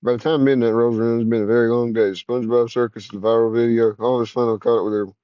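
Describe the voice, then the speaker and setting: A man narrating an interactive story in the second person, in a smooth, even way. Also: medium pitch, fast, dry recording, highs cut off.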